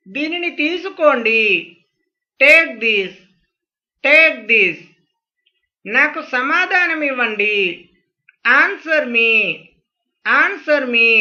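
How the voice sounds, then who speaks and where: Slow, bright voice drilling short phrases. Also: high voice, dull audio. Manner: says each English phrase twice, slowly and clearly. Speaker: spoken English teacher.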